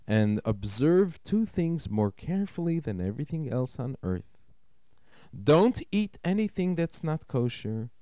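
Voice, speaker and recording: A loving mother near tears, her voice lifted high and soft as she presses urgent words on her child, put on by a male storyteller. She sounds warm and mellow up close, with a lively rise and fall, in a dry, close sound with no room around it. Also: no echo. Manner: tender, pleading, tearful urgency. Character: anxious, loving mother parting from her son.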